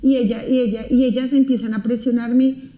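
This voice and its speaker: A woman's voice: on the high side, little pitch movement, moderate pace, mellow. A woman giving an emotional personal testimony, talking earnestly and intensely and repeating her words. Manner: earnest, intense storytelling with repetitions. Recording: roomy echo.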